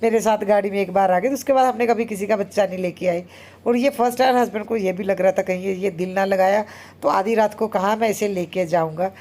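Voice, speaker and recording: Chatty woman in her 30s vlogging at home, talks super fast, lots of fillers. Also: medium pitch, a little mellow. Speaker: homemaker vlogger. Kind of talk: casual vlog narration.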